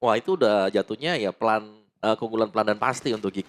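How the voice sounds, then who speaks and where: A man's voice: fairly low pitch, quick pace. A man with an Indonesian accent giving analytical esports caster commentary on a match.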